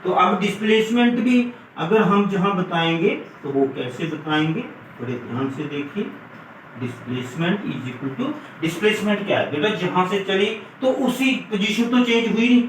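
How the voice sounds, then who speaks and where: A man's voice: high voice, moderate pace. A man teaching physics in a classroom, explaining step by step and calling his students "beta". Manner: explains step by step, mixes English terms, calls students "beta". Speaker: physics lecturer. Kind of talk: classroom lesson at a board. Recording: echoey room from far off, faint noise.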